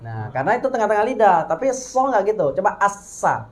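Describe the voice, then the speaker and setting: A woman's voice: medium pitch, very animated, brisk, a little mellow. A woman teaching Quran recitation, correcting pronunciation and demonstrating sounds over and over. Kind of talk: hands-on recitation coaching.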